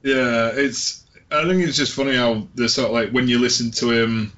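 A man's voice: medium pitch, steady tone, normal speed, fairly bright tone. A man from England in casual chat as a podcast co-host, laid-back, swearing and laughing often. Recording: dull lo-fi sound.

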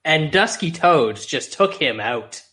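A man's voice: fairly high pitch, lively intonation, takes it slowly, bright, forceful tone. A man co-hosting a casual sports podcast, making jokey points and laughing through them. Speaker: podcast co-host.

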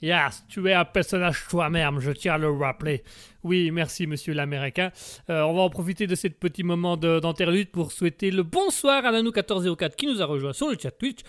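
Brief: chatty, playful male host, slightly high voice, dry close sound. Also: brisk, a bit bright, no room sound. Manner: playful, chatty, jokes along. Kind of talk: casual livestream chat.

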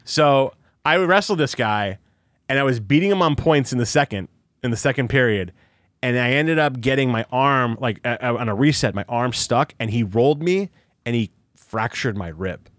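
A young adult man in casual podcast chat, telling stories in an animated way and acting out the voices of people he quotes. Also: medium pitch, normal speed, dry recording, studio quality.

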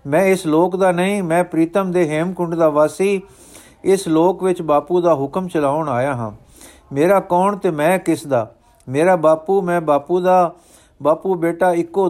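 A man reading the lines of a revered guru father, solemn and declamatory in a steady manner. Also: a little high, lightly acted.

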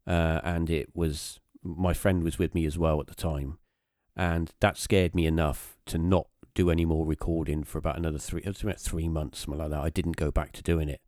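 Deep-voiced man telling a story. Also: flat delivery, fairly quick, darkish tone, dry recording, studio quality. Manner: rambling, hesitant, many fillers and restarts. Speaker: podcast host. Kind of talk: casual conversational storytelling.

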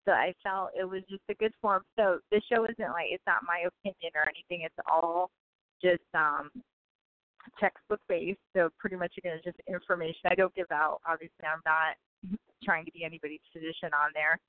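A woman's voice: on the low side, fairly even intonation, brisk, no room sound. A woman in her thirties from Guyana, a physician talking about her career as an interview guest, chatty with frequent laughs and ums. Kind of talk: casual interview answers. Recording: tinny phone-like line.

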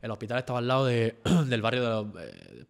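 A young man from southern Spain with an Andalusian accent, telling a story as a guest in a relaxed, slang-heavy chat. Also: medium pitch, a little fast, creaky. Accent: Andalusian Spanish. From Almería, Spain. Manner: slangy, animated storytelling, full of street fillers. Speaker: rapper and freestyle battler, guest.

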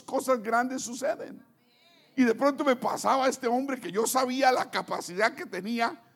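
A man preaching a sermon as an animated storyteller, dropping to hushed asides and rising to emphatic near-shouts. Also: very high voice, creaky. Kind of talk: sermon with personal testimony.

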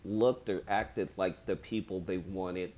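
A man with a low voice talking through films in a relaxed, measured way. He leans on fillers like "you know". The tone is easygoing chat among friends. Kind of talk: casual film discussion.

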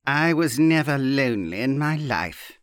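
A man reading a story voices a sour, half-blind old aunt who croaks out her words slowly. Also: mid-range voice, lively intonation, no echo, clean studio sound, close to an everyday voice.

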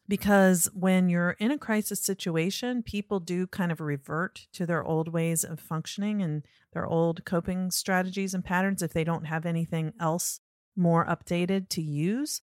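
A woman's voice: on the low side, steady tone, a little slow, dry recording, clean studio sound. An American woman hosting a podcast in a conversational style, introducing and interviewing as she goes. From Norfolk, Virginia, United States.

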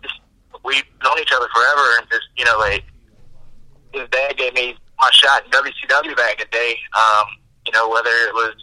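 A man's voice: mid-range voice, fairly even intonation, moderate pace, bright, forceful tone, rough recording. A man calling in over a phone on speakerphone, chatting casually and laid-back, often saying "man" and "dude". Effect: heard over a phone on speakerphone. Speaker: phone-in guest.

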